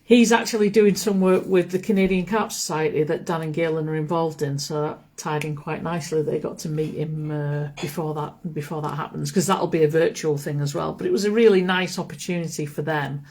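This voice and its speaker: A woman's voice: deep voice, steady tone, fairly quick, hardly any pauses, a little mellow. A woman co-hosting a live stream, chatting in a friendly, easygoing way. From England. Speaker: co-host.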